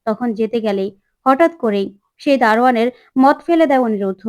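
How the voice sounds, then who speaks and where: This storytelling recap of a TV episode comes from a woman with a fairly high, lively, brisk voice that has a darkish yet clean tone. She acts out every character's dialogue in slightly varied voices, recorded in clean studio sound without room noise.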